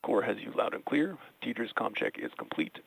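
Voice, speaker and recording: Very gravelly man at mission control. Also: lowish voice, wildly swooping pitch, a little fast, fairly bright tone, low-quality recording. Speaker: spacecraft communicator at mission control. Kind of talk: procedural mission control radio calls.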